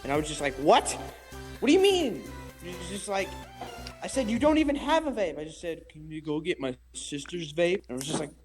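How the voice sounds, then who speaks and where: A teenage boy co-hosting a podcast rambles through a long story in casual chat, full of "I was just like" asides. His high voice swings widely in pitch at a fairly quick clip, with faint music behind him.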